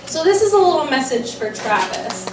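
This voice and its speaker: A woman's voice: sits high, big pitch swings, normal speed. A woman in her twenties giving a laughing, emotional wedding toast at a reception. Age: 20s. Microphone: handheld microphone. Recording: echoey hall, distant mic, faint room noise.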